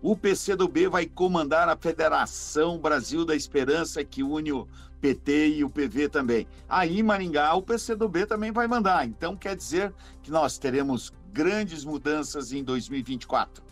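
A Brazilian radio commentator with a somewhat high voice delivers a brief update in an upbeat tone. Faint music runs behind him in the studio. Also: male voice, normal speed, hardly any pauses.

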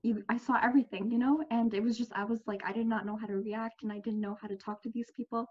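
A woman's voice: on the high side, steady tone, fast, a little mellow, dull audio. A woman guest on a casual video-call chat, hesitant and searching for words. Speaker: podcast guest.

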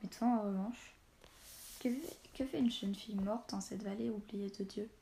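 A guarded, gruff grown warrior who answers in short, clipped retorts, read by a woman telling the story. The tone stays mellow and soft-edged rather than bright. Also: medium pitch, fairly even intonation, moderate pace, slight background noise, natural voice. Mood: wary.

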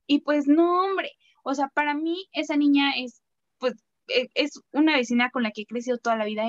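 A Mexican woman co-hosting a podcast, outspoken and animated in casual slangy chat. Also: on the high side, no room sound, dull audio. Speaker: podcast co-host.

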